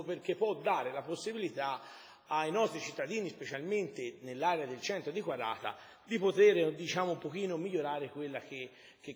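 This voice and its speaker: Man explaining council plans. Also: on the high side. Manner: repetitive, explanatory, speaks in circles. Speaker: deputy mayor. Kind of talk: formal council speech. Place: council chamber. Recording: reverberant council chamber.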